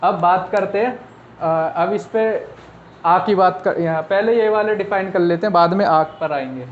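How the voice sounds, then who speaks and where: High-voiced man teaching shorthand. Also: moderate pace. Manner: patient, repeats rules step by step. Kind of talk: classroom lesson explaining at a board. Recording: slightly dull lo-fi recording with faint noise.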